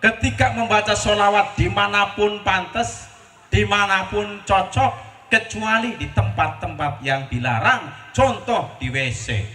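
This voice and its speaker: A man's voice: high voice, measured pace, pushed and bright, faint music behind. A man preaching a comic sermon with a Central Javanese ngapak accent, playfully acting out husband and wife exchanges. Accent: Central Javanese Banyumasan (ngapak). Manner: jokey, acts out couples' dialogues, frequent laughter. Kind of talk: comic sermon at a religious celebration. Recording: echoey, from a distance, faint ambient noise.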